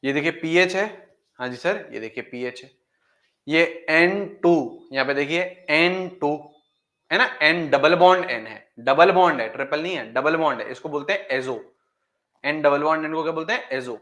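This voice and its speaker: A man's voice: on the high side, normal speed, a bit bright. A male chemistry teacher in a classroom, repeating points and asking his students questions he answers himself, calling them "beta" fondly. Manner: repetitive, calls students "beta", asks and answers own questions. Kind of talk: classroom lecture and farewell chat.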